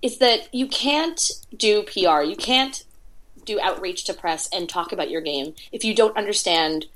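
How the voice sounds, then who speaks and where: A woman's voice: medium pitch, animated, moderate pace, a bit bright. A woman talking casually as a podcast guest, a chatty storyteller with lots of filler words. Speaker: podcast guest, indie game PR producer. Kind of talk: casual interview talk.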